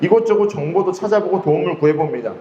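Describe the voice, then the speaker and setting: Lively-voiced preacher man in echoey hall. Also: sits high, quick pace, muffled recording, slight background noise. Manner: conversational preaching, asks the congregation questions. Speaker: pastor. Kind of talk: sermon. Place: church hall. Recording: echoey hall with faint ambience.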